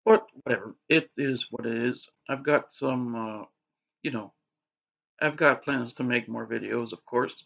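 This is a dull lo-fi clip of a man with hiccups vlogging casually about his faith, full of restarts and filler words. He has a medium-pitched voice with vocal fry and speaks a little slowly.

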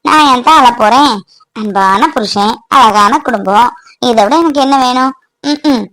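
A woman's voice: fairly high pitch, fairly bright tone, dry recording. A woman voicing a homesick young wife in a cartoon, speaking in a way, pleading and tearful, then brushing it off. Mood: defensive. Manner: emotional, pleading, then covering up with brisk denials. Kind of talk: cartoon voice acting.

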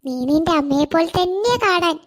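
Brief: woman voicing a fretful old cartoon grandma, slow and doting, fairly high voice. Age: older.

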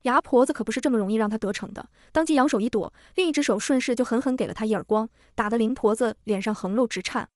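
A woman narrating a novel recap in a fast scripted storytelling style, reading evenly and lightly voicing the characters. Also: on the high side, darkish tone, no echo, studio quality.

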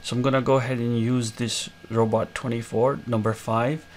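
A man hosting a screen-recorded coding tutorial, explaining each step in a relaxed way with many fillers. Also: medium pitch, moderate pace, a little hiss or hum. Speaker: tutorial host.

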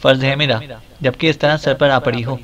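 A man voicing a domineering, wisecracking male detective who issues threats in a mid-pitched voice. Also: steady tone, normal speed, a bit bright, muffled recording, natural voice. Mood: bossy. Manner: bossy, threatening.

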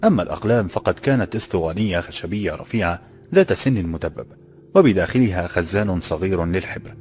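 A man narrating an audiobook in steady, formal classical Arabic. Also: low-pitched, fast talker, soft background music.

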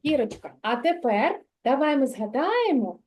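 A woman teaching a young child to read in a kindergarten lesson, speaking slowly and patiently with lots of praise. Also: high voice, very animated, a little mellow, breathy edge. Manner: slow, patient, praising, sing-song. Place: kindergarten classroom.

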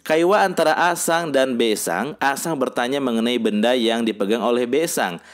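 A man narrating a scripted language lesson, reading sample sentences slowly and deliberately. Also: medium pitch. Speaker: language teacher.

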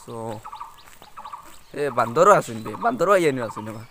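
With a mid-range, sing-song voice that sounds pushed and bright, a young man with a Sylheti accent vlogs outdoors on village roads at normal speed, chatting casually and frequently repeating phrases. He comes from the Sylheti-speaking Karimganj area of India. He films on a phone at arm's length, with music under the recording and slight background noise.

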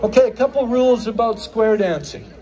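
A man's voice: very high voice, fairly quick, mellow, some chatter behind. A man calling a square dance, counting beats aloud and giving steps at an outdoor festival stage. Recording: live band music behind.

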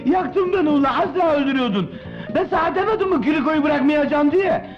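An actor playing a hot-tempered garage boss who shouts at his worker. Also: very high voice, fast talker, over music. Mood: furious. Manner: furious shouting. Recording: dull old film soundtrack from off mic.

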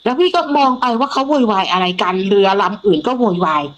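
A middle-aged woman from Thailand tells a ghost story from her own life in a lively way. She acts out the voices of the people in it. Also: a little high, quick pace, slight background noise, low-quality recording. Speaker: guest storyteller.

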